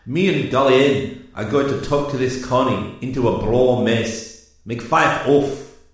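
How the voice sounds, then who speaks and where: A tough, gruff Scottish space commander, put on by a man reading a story aloud. The voice sits high above the narrator's own and barks brisk orders with fatherly warmth. It rings in a roomy, echoing space. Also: lightly acted.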